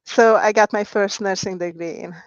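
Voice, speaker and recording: A middle-aged woman from Hungary answers interview questions in a soft, hesitant way, pausing on fillers and restarting her sentences. Her voice comes through dry and a little dull, like a lo-fi call recording. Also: mid-range voice, steady tone, dry recording. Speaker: guest, nurse and writer. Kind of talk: interview conversation.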